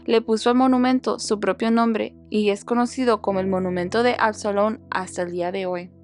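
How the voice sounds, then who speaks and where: Woman reading scripture over soft music. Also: medium pitch, steady tone, brisk. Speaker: Bible reader, podcast host.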